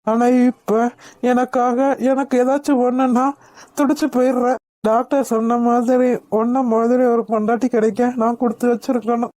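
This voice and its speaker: A woman voicing a tender, grateful young husband in a cartoon, soft and heartfelt, gently teasing. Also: on the high side, level tone, moderate pace, no room sound, natural voice. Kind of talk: cartoon voice acting.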